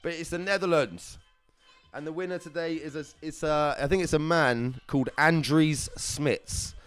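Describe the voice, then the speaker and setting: A young man runs a live online prize draw, chatty and upbeat as he talks straight to his viewers. His voice is smooth and resonant, and it sounds close and dry with no room around it. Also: a little high, moderate pace, fairly bright tone, no echo, faint music behind. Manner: chatty and upbeat, calls viewers lovelies and brother. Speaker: live competition draw host. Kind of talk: casual livestream chat.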